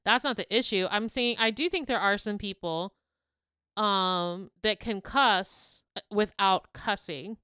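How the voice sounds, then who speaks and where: A middle-aged woman in casual podcast chat, blunt and frank, cursing freely. Her voice is bright and crisp, and it sits close to the mic in a dry room. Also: mid-range voice, measured pace, dry recording. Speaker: podcast co-host, mother of the other host.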